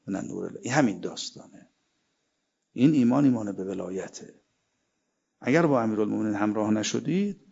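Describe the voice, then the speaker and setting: A man's voice: medium pitch, creaky, mellow, breathy edge. A man giving a religious sermon, reciting Arabic verses between emphatic stretches of preaching. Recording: dull lo-fi sermon recording.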